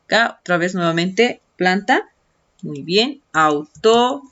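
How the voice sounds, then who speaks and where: A woman's voice: fairly low pitch, lively intonation, takes it slowly, fairly bright tone. A woman teacher patiently walking students through textbook activities step by step in an online lesson. She often adds a questioning tag and stretches out key words as she writes them. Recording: dull lo-fi screen-recording audio.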